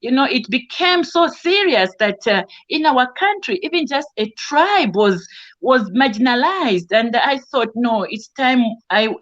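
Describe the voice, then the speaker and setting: A woman's voice: a little high, a bit bright. A woman from Zambia living in the UK, speaking earnestly on an online call, with many restarts and fillers. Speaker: caller on an online discussion. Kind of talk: casual spoken testimony. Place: home, in the UK. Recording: dull lo-fi video call audio.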